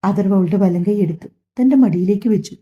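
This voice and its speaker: A woman narrating a family story audiobook in an even storytelling manner, with a dull lo-fi sound. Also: mid-range voice, fairly quick. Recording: dull lo-fi recording.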